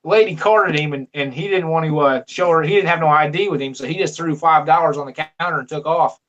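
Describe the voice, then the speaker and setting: Higher-voiced man telling a rambling story. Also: fast talker, fairly bright tone, muffled recording. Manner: rambling, many restarts and fillers, laughs mid-story. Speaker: guest storyteller. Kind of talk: casual storytelling.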